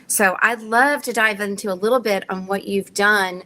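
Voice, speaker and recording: Bright-voiced woman interview host. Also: medium pitch, fairly even intonation, a little hiss or hum. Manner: earnest, measured, sets up questions with researched figures. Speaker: show host. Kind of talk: interview questions.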